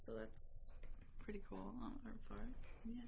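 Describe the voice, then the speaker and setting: A chatty teenage girl talks as a guest on a student podcast and is quick to agree. Her mid-pitched voice is full of fillers. A faint hiss lies beneath it. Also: very animated, vocal fry, a little mellow. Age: teens. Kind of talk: casual chat.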